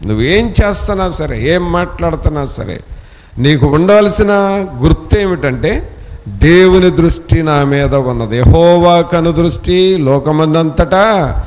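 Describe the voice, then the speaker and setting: Male preacher with a fairly high voice, exhorting in a sermon and leading the reading line by line, recorded in a hall with a long echo. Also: expressive, moderate pace, darkish tone. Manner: exhorting with repeated rhetorical questions; leads scripture reading line by line. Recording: long reverb in a church hall.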